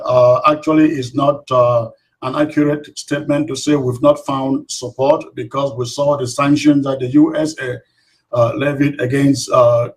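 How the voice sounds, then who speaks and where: A man who is a guest in an interview, speaking in a firm, steady way and restarting phrases. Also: medium pitch, low-quality recording. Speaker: guest, activist. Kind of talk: interview answers.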